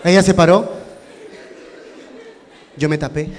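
A man performing crude, animated stand-up comedy with sudden shouted bursts. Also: a little high, takes it slowly. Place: live comedy venue with audience. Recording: live hall with reverb, crowd noise.

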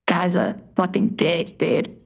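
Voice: mid-range voice, expressive, slow pace, gravelly, husky. A crew member speaking through a voice changer as a sullen demon from hell, terse and dismissive. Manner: terse, dismissive, swears casually.

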